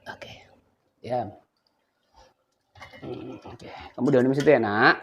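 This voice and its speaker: A man's voice: mid-range voice, slow pace, fairly bright tone, a little hiss or hum. An older man, hosting a casual cooking vlog and playfully coaxing his grandchild as he talks. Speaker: vlog host.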